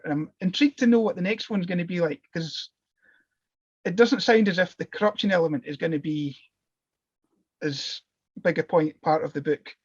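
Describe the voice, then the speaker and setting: A man's voice: a little high, husky, dull audio. A man in a book club panel, rambling and thinking aloud about a novel. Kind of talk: casual book discussion.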